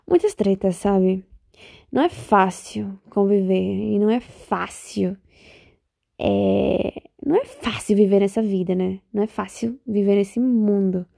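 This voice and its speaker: A woman's voice: medium pitch, gravelly, warm tone, dry recording, clean studio sound. A young woman from Bahia with a Bahian Brazilian accent, hosting a casual solo podcast in a rambling, reflective way that keeps interrupting itself. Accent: Bahian Brazilian Portuguese. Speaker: podcast host.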